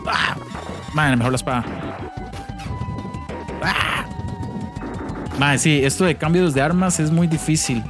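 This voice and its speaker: A Costa Rican man with a slightly high voice hosts a casual gameplay chat, full of slang and stray English words. Game music plays clearly behind him. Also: fairly quick, few pauses. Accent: Costa Rican Spanish. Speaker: co-host.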